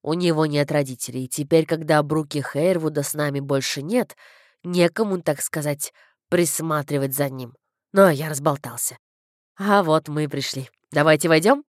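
A fussy, chatty old village vicar, voiced by a woman reading an audiobook speaks in a deep, slow register full of rambling asides. The recording is dry and close. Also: dry recording, close to an everyday voice. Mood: concerned. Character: fussy talkative older male village vicar.

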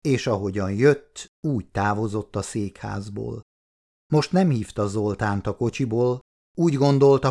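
A man narrating an audiobook in a steady, matter-of-fact way. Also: on the low side, vocal fry.

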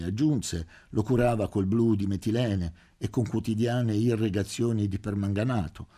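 A man reading a literary novel aloud as an audiobook narrator, in a measured, expressive way. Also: lowish voice, breathy edge. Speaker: audiobook reader.

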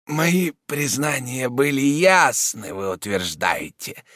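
Feeble, sly dying Jesuit voiced by a male reader, slow half-whispered words, dry close sound. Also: mid-range voice, lively intonation, fairly bright tone, slightly rough, no room sound, pitched above the performer's own voice, full character voice. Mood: weakly mocking. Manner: weak, halting, ironic, half-whispered. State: feverish and exhausted. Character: gravely ill, cunning, mocking male Jesuit.

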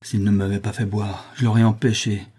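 A man's voice: medium pitch, fast, warm tone, natural voice. A man voicing a weary, distraught woman who turns bitter and resentful in a read-aloud story.

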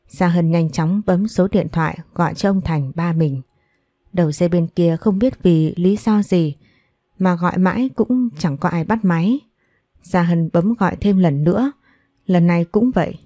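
A woman narrates a scripted story in an even, measured reading. Her voice sits low and sounds mellow and dark. The sound is dry and close. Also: no room sound.

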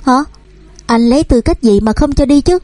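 A woman narrating a romance novel and reading every character's lines in her own voice, over soft background music. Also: high-pitched, normal speed, dry recording. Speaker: audiobook narrator. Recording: dry close recording with soft music underneath.

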